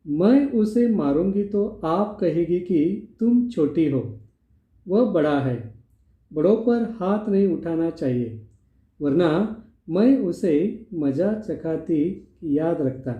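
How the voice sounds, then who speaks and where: A man's voice: a little high, animated, slow pace. A man reading the part of a feisty little sister complaining about her brother, from a textbook play, in a thin, echoey recording. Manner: reads lines out from a textbook play. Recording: echoey room, phone-like sound.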